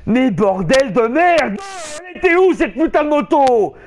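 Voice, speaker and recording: A man giving excitable let's play commentary, panicking and swearing at the game while he plays. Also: very high voice, unhurried. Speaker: gamer streaming a playthrough. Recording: game noise behind the voice.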